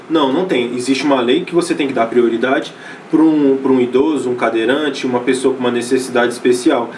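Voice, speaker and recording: In a recorded online class, a Brazilian sociology teacher talks in a casual, conversational way, frequently restarting phrases, filling gaps with fillers and checking on his students. He has a medium-pitched voice and a Brazilian Portuguese accent, captured from a distance with a little hiss or hum.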